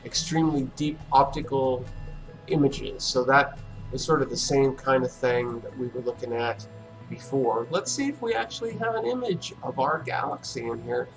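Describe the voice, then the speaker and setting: A man hosting a casual livestream, thinking aloud in a relaxed, musing way with many fillers. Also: mid-range voice, normal speed, vocal fry, faint music behind, low-quality recording. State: relaxed and yawning. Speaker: livestream host.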